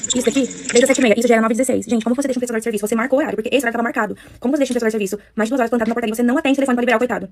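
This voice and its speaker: A woman's voice: a little high, fairly even intonation, a little hiss or hum. A woman in her thirties with a Brazilian Portuguese accent, venting to her followers from home in an upset, repetitive way. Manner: upset, rapid, repeats herself for emphasis. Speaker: influencer talking to followers. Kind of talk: casual venting to camera. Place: at home, indoors.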